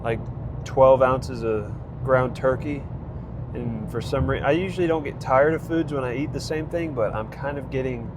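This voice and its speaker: Outdoors amid plenty of noise, a congested man of medium pitch chats at a moderate pace about his training. He's a vlogger following a program, and his loose, rambling update is full of fillers and restarted sentences.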